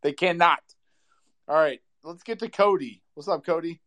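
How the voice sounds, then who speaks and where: A man's voice: fairly high pitch, normal speed, a bit bright. An American man co-hosting a live audio chat in a casual, self-deprecating, informal way.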